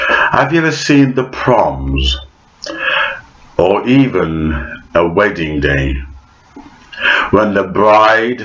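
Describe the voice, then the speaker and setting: A man's voice: sits low, fairly bright tone, lo-fi sound. A man vlogging a theatrical, mocking monologue to camera.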